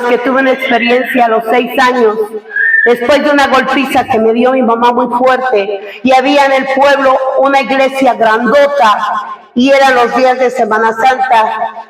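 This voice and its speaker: A middle-aged woman pastor gives an emotional church testimony, asking her congregation rhetorical questions. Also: high-pitched. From Mexico. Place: large church hall. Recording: echoey hall heard from far off.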